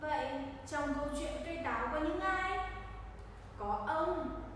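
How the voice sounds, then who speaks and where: Cheerful woman teacher with a high voice, speaking to small children, recorded from afar in a very echoey room. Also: animated, unhurried, a bit bright, slight background noise. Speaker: kindergarten teacher. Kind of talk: addressing young children. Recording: echoey hall from far off.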